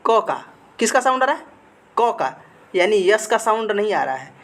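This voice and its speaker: A man's voice: high-pitched, big pitch swings, normal speed, a bit bright. A male grammar teacher giving a slide lesson. He keeps asking the students questions and answers them himself, repeating key words. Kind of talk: classroom-style lesson with slides.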